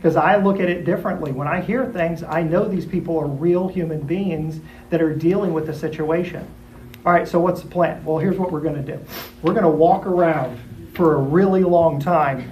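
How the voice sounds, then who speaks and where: Guy leading a bible study, lively and playful, roomy echo and a bit of room hiss. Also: a little high, moderate pace. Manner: lively, acts out characters in jumpy put-on voices. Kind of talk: animated classroom teaching. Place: church classroom.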